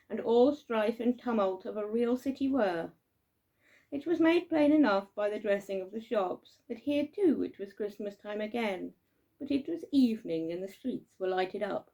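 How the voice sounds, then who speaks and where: Female live storyteller, slow, gravelly, unpolished and expressive. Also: mid-range voice. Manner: expressive, with fumbles and laughs. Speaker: reader.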